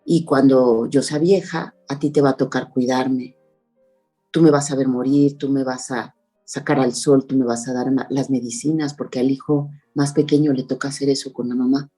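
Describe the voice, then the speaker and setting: Firm, reassuring Mexican country mother, played by a woman storyteller, low and dark. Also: steady tone, moderate pace, faint music behind. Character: firm rural mother reassuring her small son.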